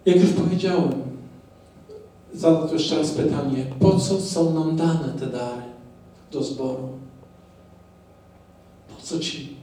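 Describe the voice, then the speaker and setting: A man's voice: fairly high pitch, slow, long pauses, dark tone, a little hiss or hum. A man preaching a sermon to his congregation, putting rhetorical questions to them and drawing their responses. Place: church hall. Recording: very echoey, from far off.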